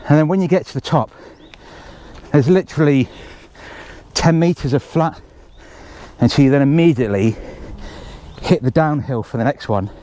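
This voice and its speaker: A man's voice: a little high, normal speed, warm tone. Breathless man chatting on a trail run. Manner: chatty and rambling, jokey asides. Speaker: race organiser previewing a trail course. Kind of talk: casual running commentary. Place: outdoors on a forest trail.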